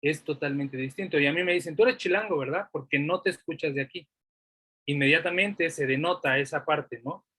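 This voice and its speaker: A man with a Mexico City accent teaches an online class, tossing out rhetorical questions and tagging his points with "¿no?". His voice sits high and sounds bright and forceful. It is recorded dry and close, with no room sound. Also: a little fast, husky, dry recording. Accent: Mexico City Spanish.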